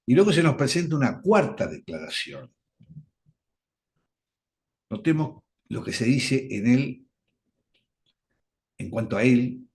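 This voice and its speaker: A man teaching a radio Bible study, speaking deliberately and stressing key words. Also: medium pitch, very animated.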